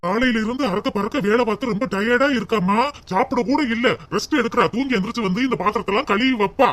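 A man's voice: very high-pitched, quick pace, a bit bright. A man voicing a pleading young husband. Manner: pleading, reasoning. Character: patient young husband defending his wife.

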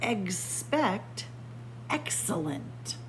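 Big pitch swings mark this middle-aged librarian's mid-range voice as she draws out each word of a picture book for children, emphasizing them in a teacherly way. She's recorded close on a webcam or phone held at arm's length in a small library room; the low-quality recording has slight background noise.

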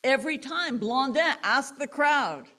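A woman pastor, delivering a sermon as an animated story and laughing between lines. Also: sits high, measured pace.

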